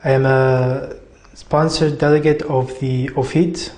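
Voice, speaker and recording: A man's voice: mid-range voice, flat delivery, slow, a little mellow, echoey room. A man in his twenties from Iraq, a youth delegate, answering interview questions hesitantly with many fillers. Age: 20s.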